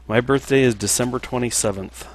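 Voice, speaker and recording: Playing on a livestream, a man in his thirties who develops games fields questions from viewers. He's relaxed and hesitant, leaning heavily on filler words, and his voice is mid-range.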